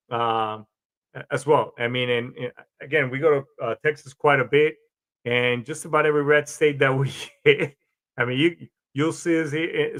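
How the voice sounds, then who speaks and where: A man's voice: on the high side, a bit bright. A man from Colombia, a Marine veteran, hosting a podcast in a rambling, casual monologue with frequent restarts and swearing.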